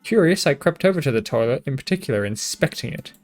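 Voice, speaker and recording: A man's voice: mid-range voice, expressive, fast talker, soft background music. Man reading a game aloud. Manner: joking asides, swears, stumbles over words. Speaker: gaming YouTuber. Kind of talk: reading a visual novel aloud.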